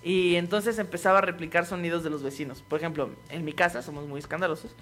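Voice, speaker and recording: A woman's voice: lowish voice, steady tone, quick pace, fairly bright tone, faint music behind. A woman with a Mexico City accent, telling anecdotes in a casual, slangy chat. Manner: storytelling, laughing, slangy.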